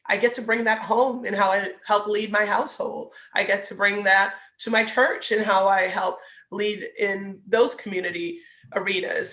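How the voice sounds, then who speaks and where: A woman from Trinidad and Tobago, a real estate team leader, speaks earnestly about leadership as a guest in a casual video interview. Her voice is medium-pitched with a fairly bright tone, and the sound is reverberant.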